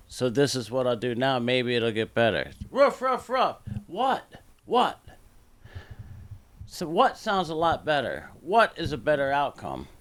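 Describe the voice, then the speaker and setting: A man's voice: mid-range voice, smooth. A man co-hosting a discussion podcast, telling a personal story in a rambling, repetitive way. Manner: rambling storyteller, repeats himself. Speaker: podcast co-host. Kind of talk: casual discussion.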